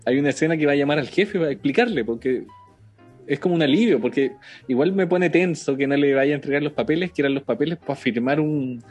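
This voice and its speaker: A man's voice: a little high, fast, darkish tone, soft background music. A man with a Chilean accent chatting casually about a film and acting out its characters' lines as he retells scenes.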